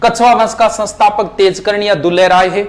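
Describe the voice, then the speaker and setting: A man teaching a history revision lesson at a board, reciting names and facts in quick lists. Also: high-pitched, steady tone. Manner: rapid, list-like recitation. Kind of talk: fast exam revision lecture at a board. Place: classroom with board.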